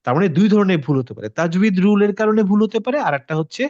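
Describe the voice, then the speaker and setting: A man's voice: sits high, very fast, darkish tone, no room sound. A male tajweed teacher explaining patiently to a class, checking with students through questions and mixing in English words. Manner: mixes English words into his talk. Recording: slightly dull, dry lo-fi audio.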